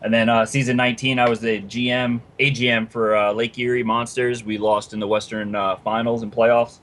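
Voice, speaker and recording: A man's voice: medium pitch, little pitch movement, brisk, a bit bright. A man appearing as a podcast guest, talking in a laid-back, hesitant way with many "uh"s. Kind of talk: casual podcast chat.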